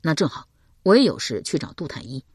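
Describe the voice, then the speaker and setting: An earnest male general who keeps politely pressing for answers, read plainly in an audiobook by a woman voicing every part. The voice sits low with a husky grain. The sound is close and dry. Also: sing-song, fairly quick, darkish tone, no room sound, full character voice.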